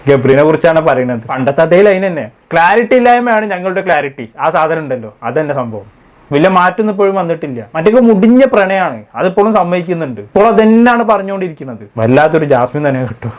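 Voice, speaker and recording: A man's voice: a little high, animated, quick pace. A man hosting a casual episode review, talking in a sarcastic, scolding way. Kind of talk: fast casual review commentary.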